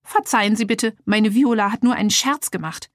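A woman's voice: on the high side, brisk, no room sound, lightly acted. An officious, prim receptionist reading out rules in a storybook, played by a woman narrator. Her delivery is formal and a touch raised. Dry, close sound.

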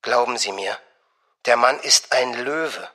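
A man voicing a gushing young female bank secretary, soft and honeyed, sometimes dropping to a whisper. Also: mid-range voice, moderate pace.

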